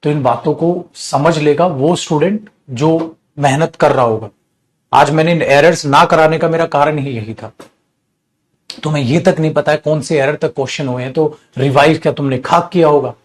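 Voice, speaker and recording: Middle-aged male tutor, slightly high voice, stern earnest lecturer addressing students from his studio. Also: normal speed. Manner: scolding, earnest lecturing tone, calls students beta. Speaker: teacher. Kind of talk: online English grammar class.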